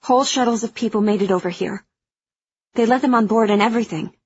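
An actress playing a fierce, protective young hacker aboard a spaceship in an audio drama, speaking with urgent, firm reassurance. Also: female voice, on the high side, fast, slightly rough, dry recording, dull audio. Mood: reassuring, urgent.

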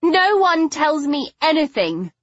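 A woman's voice: a little high, moderate pace, fairly bright tone, no room sound, highs cut off, voice pushed up. A woman reading an audiobook, voicing a sulky, stubborn young woman who sounds plaintive and scornful. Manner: petulant, spitting, insistent.

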